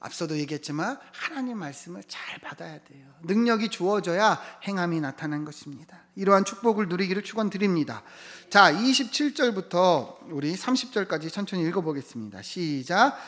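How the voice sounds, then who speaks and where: A male pastor preaching a sermon, asking the congregation many rhetorical questions and sometimes dropping to a hushed whisper for emphasis. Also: high voice, animated, a little fast.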